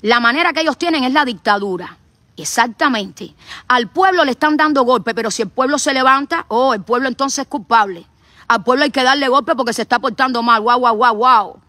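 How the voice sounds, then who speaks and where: Fiery Cuban woman, bright sharp voice. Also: high-pitched, a little fast, dry recording. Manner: fiery, repetitive, preacher-like. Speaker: activist streamer. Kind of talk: impassioned live stream. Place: on vacation, live stream.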